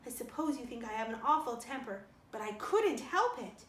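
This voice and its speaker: A wounded, fiery young orphan girl from a storybook, as a woman reader plays her. She protests dramatically in a high, swooping wail. There is clear room echo around the voice. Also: sing-song, moderate pace. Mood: wailing, hurt. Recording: roomy sound with faint noise.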